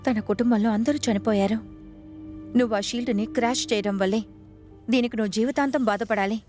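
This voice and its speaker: A woman's voice: a little high, quick pace, natural voice. A woman voicing a tense, cautious young co-pilot. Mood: reproachful. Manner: urgent, anxious pleading. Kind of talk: dubbed film dialogue. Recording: loud film score behind. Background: music.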